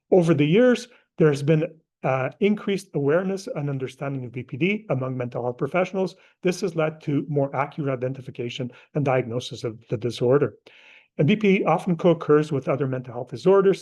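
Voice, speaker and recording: Portuguese man lecturing in relaxed style. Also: on the high side. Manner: casual, conversational, many fillers and asides. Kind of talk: live class lecture.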